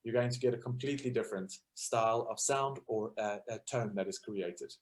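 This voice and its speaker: A man's voice: on the low side, fairly quick. A man giving an informal lecture on choral music, explaining step by step with frequent fillers. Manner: explanatory, thinks aloud with fillers. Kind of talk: informal lecture with sung demonstrations.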